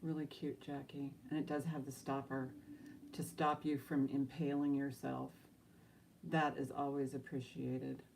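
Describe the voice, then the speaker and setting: Low, unhurried woman auctioneer, slightly creaky. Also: flat delivery, darkish tone, a little hiss or hum. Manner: chatty, informal, rambling between bid calls. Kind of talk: casual live-sale auctioneer patter with bid calls.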